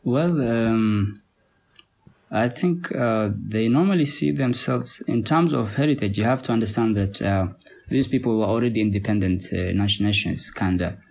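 A man with a Somali accent, a native Somali speaker, talking as a podcast guest in a halting way, with many pauses and repeated words. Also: on the low side, creaky, a little mellow. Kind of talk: conversational interview.

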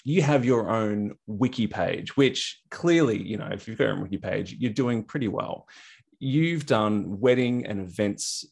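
A man hosting a wedding podcast, asking questions in a friendly, halting way. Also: lowish voice, vocal fry, husky. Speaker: podcast host. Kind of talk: interview chat.

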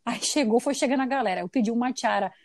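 A woman in her thirties from Brazil hosts a casual podcast chat and tells stories in an animated way, acting out what people said in shifted voices. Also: fairly high pitch, fast talker, no echo, studio quality. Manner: animated storyteller, acts out quotes in shifted voices. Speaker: podcast host.

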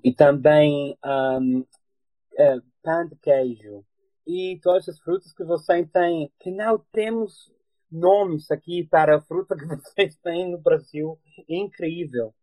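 A man, not a native speaker, with a foreign accent mixing European and Brazilian, chatting haltingly as an interview guest and searching for words. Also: on the high side, mellow, dry recording, poor audio. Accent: foreign, mixing European and Brazilian Portuguese. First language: not a native Portuguese speaker. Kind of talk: casual chat.

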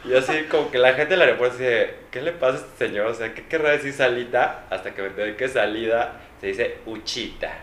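A man with a Mexican Spanish accent, co-hosting a casual chat and telling animated, self-mocking stories. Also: mid-range voice, a little fast, hardly any pauses. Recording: roomy with faint noise.

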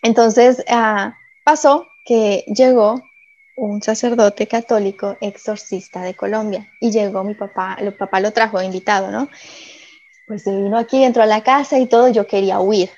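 A woman's voice: mid-range voice, fairly even intonation, normal speed, a little mellow, muffled recording. A woman telling her personal faith testimony in an earnest, emotional, conversational way, often checking in with the listener. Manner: earnest, emotional storytelling with frequent tag questions. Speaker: guest sharing a faith testimony.

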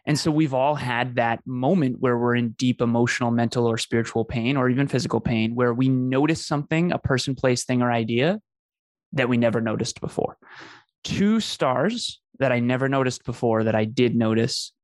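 A man with a mid-range voice speaks at a normal pace in a clean studio recording with no room sound. He's a podcast host appearing as a guest, telling his life story in an earnest, emphatic, conversational way and repeating phrases for effect.

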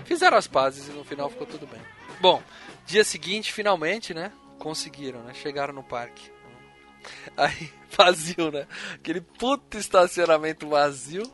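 A man's voice: on the high side, lively intonation, moderate pace, a bit bright, soft background music. A Brazilian man in casual chat, retelling a film scene by scene, acting out the quotes and swearing freely.

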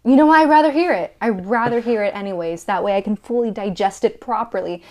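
A woman's voice: mid-range voice, fairly quick, darkish tone. A woman co-hosting a casual movie review chat, chatty with frequent "like" fillers. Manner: chatty, lots of "like" fillers, laughs often. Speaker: podcast co-host.

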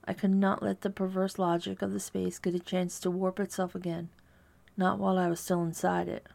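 Female narrator for first-person horror, low and flat, heavy vocal fry, quiet measured dread. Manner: hushed, measured, dread-filled delivery.

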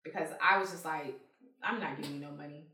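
A woman in casual conversation who tells her stories with energy, acting out heated back-and-forths and swearing freely. Her voice is bright and forceful. It rings in an echoey room, and she sits a little away from the mic. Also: sits low, fast, distant mic. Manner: animated storyteller, acts out heated quotes, swears freely. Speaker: guest telling stories. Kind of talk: casual chat.

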